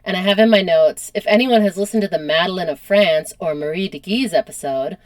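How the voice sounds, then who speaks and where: A woman's voice: fairly low pitch, a little fast, dry recording. Casual female podcast host, conversational history storyteller, dry close mic. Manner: chatty, animated, uses lots of "like".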